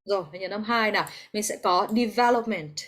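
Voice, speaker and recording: A woman's voice: mid-range voice, steady tone, quick pace, a bit bright. A woman English teacher with a Vietnamese accent, teaching an online class over a video call, explaining patiently and encouraging her students.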